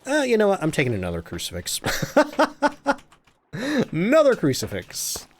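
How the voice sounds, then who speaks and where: A man's voice: fairly high pitch, huge pitch swings, moderate pace, a little hiss or hum. A man streaming a game live, chatting, reading viewer comments aloud and laughing often.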